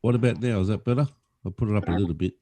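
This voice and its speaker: A muffled Australian man, his voice dull and dark as if it comes through a wall. He sounds a bit hoarse and under the weather, and talks easygoingly over a video call, calling everyone mate. The sound is very dry. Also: very fast, dry recording. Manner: easygoing, says "mate" often, fumbles with his audio settings. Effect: muffled and low, as if heard through a wall. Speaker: call-in guest on a hobby chat show. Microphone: desktop mic on a video call.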